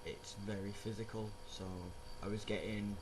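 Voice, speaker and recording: A man's voice: lowish voice, flat delivery, normal speed. A man giving a casual personal update in a rambling, self-correcting way, as a vlogger. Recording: clear background noise.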